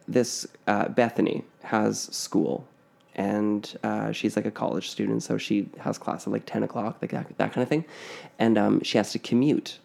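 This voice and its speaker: A man's voice: lowish voice, gravelly, darkish tone. A man co-hosting a podcast, telling a spooky family story in a casual, rambling way full of fillers and restarts. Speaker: podcast co-host.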